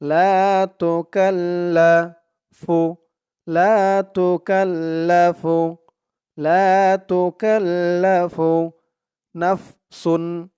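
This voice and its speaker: A man teaching Quran reading, sounding out each syllable, chanting verses slowly and explaining pronunciation rules in between. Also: on the high side, darkish tone, smooth. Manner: drawn-out chanted recitation alternating with quick explanations. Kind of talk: slow spelled-out Quran reading lesson.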